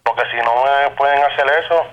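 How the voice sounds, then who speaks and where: A man's voice: medium pitch, level tone, fairly quick, muffled recording. A man on a radio prank call posing as a son, talking hesitantly and pleadingly with many fillers.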